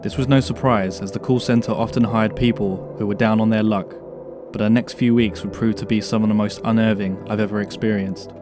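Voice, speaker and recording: A man calmly reading a true scary story aloud as a narrator, in a measured, steady way. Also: fairly low pitch. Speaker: narrator reading submitted stories. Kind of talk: scripted horror story narration. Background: background music.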